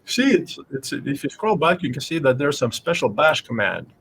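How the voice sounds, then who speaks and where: A man's voice: mid-range voice, sing-song, moderate pace, vocal fry, a bit bright, breathy edge, rough recording. Joking male esports commentator. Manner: joking, teasing banter. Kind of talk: live game commentary.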